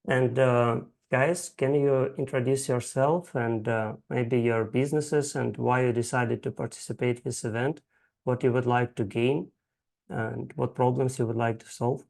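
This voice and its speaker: A man hosting an online meeting over a video call, talking haltingly with many filler sounds. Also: medium pitch, fairly even intonation, creaky, a little mellow. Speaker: host and founder of the club.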